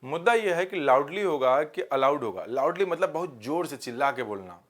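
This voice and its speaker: A slightly high, expressive male voice belongs to a Hindi-speaking grammar teacher. During an exam-prep grammar lesson, he blends Hindi with English in his explanations and reads examples at a slow pace.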